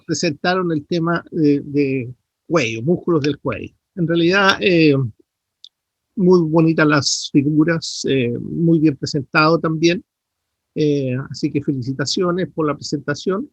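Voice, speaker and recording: A middle-aged Chilean man teaches an online class, correcting his students' terms and checking with tag questions. His voice is husky and a little high. The sound is dry and dull, like lo-fi call audio. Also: a little slow, no room sound. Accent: Chilean Spanish. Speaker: dentistry professor. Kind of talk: giving feedback in an online class.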